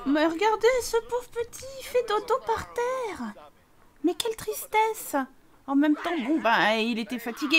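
A woman commenting casually on her life-sim gameplay, chatty and animated, often exclaiming at the screen. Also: sits high. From France. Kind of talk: casual let's play commentary.

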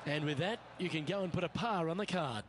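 A man voicing a calm golf commentator. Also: on the high side, background noise, close to an everyday voice. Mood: measured. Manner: calm, measured play-by-play. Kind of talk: scripted video game sports commentary. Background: game music.

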